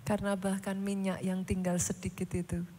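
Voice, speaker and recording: A woman's voice: medium pitch, level tone, normal speed, dark tone, slight background noise. A woman pastor preaching a sermon in a large church, with emphatic swells and English phrases mixed in. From Indonesia. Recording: long hall reverb.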